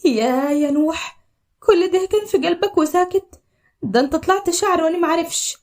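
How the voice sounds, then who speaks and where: A woman's voice: very high voice, a little fast, darkish tone. A woman voicing an anxious young wife from Upper Egypt in a storybook drama, speaking emotionally with an Upper Egyptian accent. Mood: tender. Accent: Upper Egyptian Arabic. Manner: emotional, pleading.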